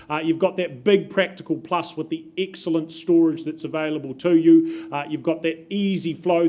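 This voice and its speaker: A man's voice: fairly high pitch, darkish tone. A man presenting as a real estate auctioneer, in polished, emphatic sales patter.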